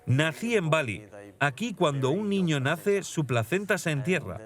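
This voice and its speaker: A man dubbing a reflective young prince in a documentary, speaking in a calm, even-tempered way. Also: fairly high pitch, normal speed, natural voice. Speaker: dubbed interviewee voice-over. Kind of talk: documentary dub voice-over.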